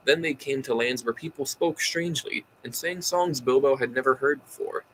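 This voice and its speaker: A tired man reading a novel aloud at a mid pitch, in a casual amateur audiobook style. He sighs often, trips over words and goes back to fix them. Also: normal speed, a little hiss or hum, low-quality recording. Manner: sighing, stumbling over words and correcting himself.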